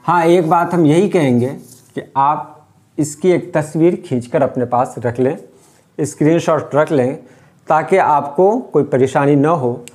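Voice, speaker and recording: A man teaching how to write letters, explaining patiently and repeating each point slowly. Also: fairly high pitch, a little mellow. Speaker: Urdu script teacher. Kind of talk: step-by-step writing lesson.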